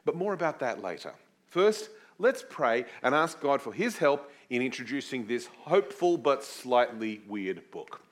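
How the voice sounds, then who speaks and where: Unhurried and medium-pitched, a man delivers a teaching sermon from a series on a Bible book, explaining scripture conversationally and including prayer. He's animated, leaning on key words with swooping emphasis, and drops asides that poke fun at himself.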